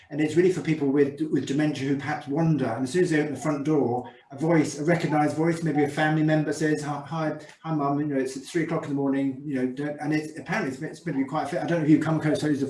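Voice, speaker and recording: A man's voice: fairly high pitch, darkish tone. A man moderating a question-and-answer session over a video call, polite and hesitant with many fillers and restarts. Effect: heard over a video call. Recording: echoey and distant video call audio.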